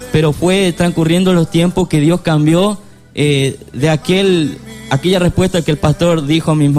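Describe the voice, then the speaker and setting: A man, giving an emotional personal testimony in a halting, stumbling way. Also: a little high, darkish tone. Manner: halting, stumbling over words.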